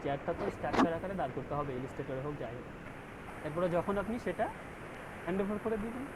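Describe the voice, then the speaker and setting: Over a noisy video call, a male graphic design instructor gives an online class lecture. He talks fast in a fairly high voice, explaining things step by step and checking often that students understand.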